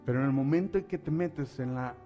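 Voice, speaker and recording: A man preaching a sermon as pastor, asking his listeners direct questions and building up to loud, emphatic passages. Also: a little fast, lo-fi sound, soft background music. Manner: rises to loud, high-pitched preaching at climaxes.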